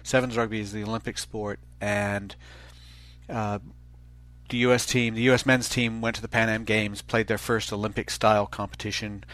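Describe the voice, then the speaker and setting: A man hosting an interview show, leading into his questions in a halting, rambling way. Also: on the low side, flat delivery, a bit bright. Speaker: show host.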